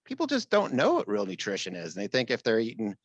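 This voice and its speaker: A man's voice: fairly low pitch, huge pitch swings, quick pace, husky, dry recording. A man, hosting a casual podcast interview and chiming in with easy, affirming remarks. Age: 50s. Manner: easygoing, affirming with frequent "right, right". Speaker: podcast host.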